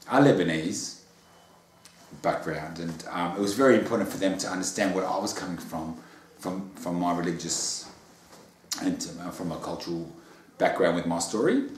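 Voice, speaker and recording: A man's voice: low voice, moderate pace, a little hiss or hum. An Australian man being interviewed about his memoir, talking in a bubbly, earnest way with repeated words. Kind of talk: casual interview chat. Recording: roomy echo.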